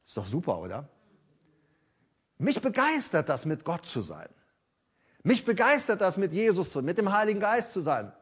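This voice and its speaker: A man preaching a sermon in a church service, fervent, swinging between loud emphasis and soft near-whispers. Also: high-pitched, sing-song, normal speed, long pauses, breathy edge. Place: church during a worship service.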